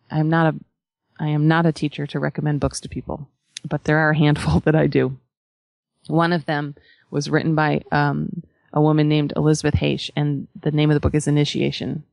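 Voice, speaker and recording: A woman with a low-pitched voice and a noticeable creak speaks as a spiritual teacher. She is conversational yet emphatic, stopping for pauses and adding little check-in questions, in a close, dry sound. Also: a little mellow, no echo. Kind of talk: spiritual talk to followers, conversational.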